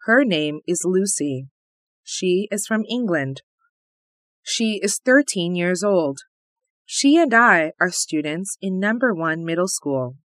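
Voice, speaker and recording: A woman reading the part of a twelve-year-old schoolgirl introducing herself in a scripted listening test, slow and carefully enunciated. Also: fairly low pitch, fairly bright tone, dry recording, studio quality.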